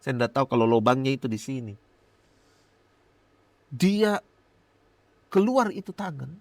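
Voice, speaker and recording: A middle-aged male pastor giving a lively personal testimony in a podcast interview, laughing often and acting out his own prayers. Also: medium pitch, unhurried, dry recording.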